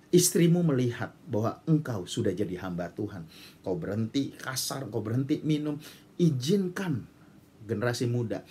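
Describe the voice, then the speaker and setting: A man's voice: a little high, husky. A male pastor preaching with fervent exhortation and bursts of prayer in tongues. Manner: animated, exhorting, breaks into speaking in tongues.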